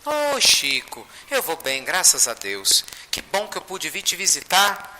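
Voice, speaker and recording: A man's voice: fairly high pitch, sing-song, moderate pace, sharp tone, exaggerated voice. A man voicing a radiant, grateful young female spirit who speaks heartfelt thanks. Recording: reverberant hall, faint noise.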